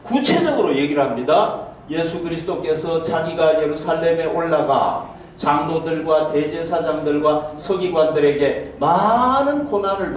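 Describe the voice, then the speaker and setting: A male pastor preaches in a high, animated voice that swings widely in pitch. He keeps asking his congregation rhetorical questions. He is heard from some distance, and the church hall rings with heavy echo. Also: slight background noise. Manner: acts out quoted speech in a raised voice. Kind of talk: sermon. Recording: very echoey hall, mic far off.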